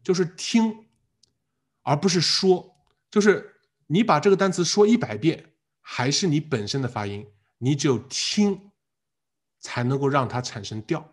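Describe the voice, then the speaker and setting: Lively husky male English teacher. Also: a little high, a little slow. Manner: animated, asks the class questions and drills words by repetition. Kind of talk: live online lecture.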